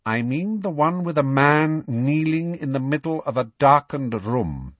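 A cold, menacing schoolmaster, as a male narrator puts him on, his words low and clipped. His voice is husky, and it swings widely between soft threats and sharp jabs. The sound is dry and close. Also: expressive, unhurried, no room sound.

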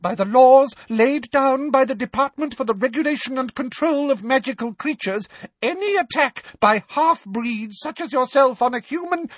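A man voicing a shrill, pompous, terrified woman official who speaks in a high-pitched, prim manner. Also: expressive, normal speed, a bit bright, no echo, exaggerated voice. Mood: shrill fear.

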